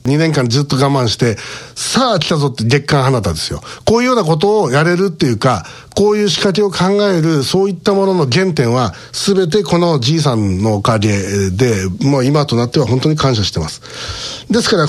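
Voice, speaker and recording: A man's voice: fairly high pitch, very animated, a little fast. A middle-aged man, a radio show host, telling a story in a casual monologue and chuckling between points.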